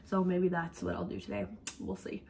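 A woman's voice: on the low side, little pitch movement, normal speed, gravelly, darkish tone, far from the mic. A woman vlogging in a casual, rambling way, worn out and fighting a head cold. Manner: rambling, tired. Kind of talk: casual vlog chat.

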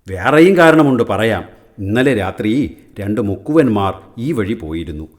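A man's voice: on the low side, sing-song, a little slow. A man playing a sly old heron. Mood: sly pleading. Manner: pleading, scheming tone. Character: old cunning male heron, fake weeping.

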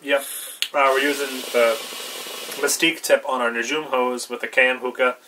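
A man's voice: medium pitch, steady tone, moderate pace, sharp tone. A young man chatting casually in an unscripted review, laid-back and a bit hesitant, trailing off. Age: young adult. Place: small cluttered indoor room with brick wall. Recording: distant mic, clear background noise.

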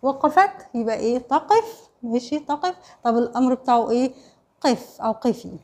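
Animated and a little fast, this woman speaks in a high, darkish voice with an Egyptian accent. She's giving an online Arabic lesson to primary school pupils, quizzing them, answering her own questions, and repeatedly asking "خلاص؟" and "ماشي؟".

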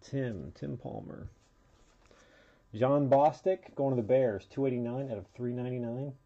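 A man's voice: medium pitch, unhurried, creaky, mellow, husky. A man hosting a live trading card break, casually calling out player names and serial numbers as he opens packs, in a dull lo-fi recording.

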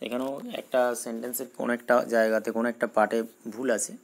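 Man, exam-prep teacher, slow careful reading, then quick explanations. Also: medium pitch, little pitch movement, creaky, rough recording. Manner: reads English questions slowly, explains in Bengali. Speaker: English teacher. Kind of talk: exam-prep grammar lesson.

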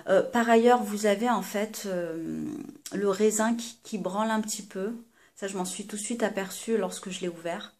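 A woman's voice: medium pitch, moderate pace, a little mellow. A woman chatting casually to her viewers as she reviews a cosmetics order, with many hesitations, fillers and restarts. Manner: chatty, addresses viewers directly. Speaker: beauty vlogger.

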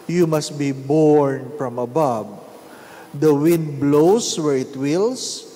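An older man with a Filipino accent, a priest reading the gospel and preaching a homily at a measured pace, switching between English and Tagalog, into a handheld microphone in a large church. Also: on the high side, warm tone. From Philippines. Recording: long church reverb, faint hiss.

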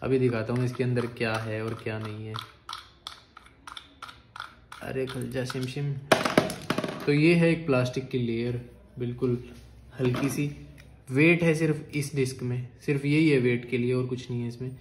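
A man giving casual, excitable commentary on toy battles as a video creator, chatting to his viewers. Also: mid-range voice, a little fast. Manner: chatty, excitable, calls viewers "bhai" and "guys". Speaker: YouTuber. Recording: echoey room with loud noise.

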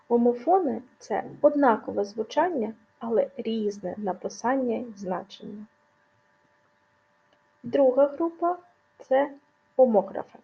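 Gravelly woman teaching a language lesson. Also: on the high side, mellow, lo-fi sound. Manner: clear explanatory delivery with stressed example words. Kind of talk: scripted video lesson.

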